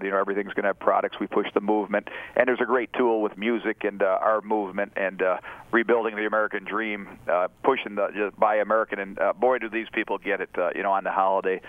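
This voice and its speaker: A man's voice: fairly low pitch, dry recording. Man, over the phone, tinny line, dry, rambling upbeat guest with fillers. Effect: heard over the phone. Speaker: store owner calling in as a guest. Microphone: telephone.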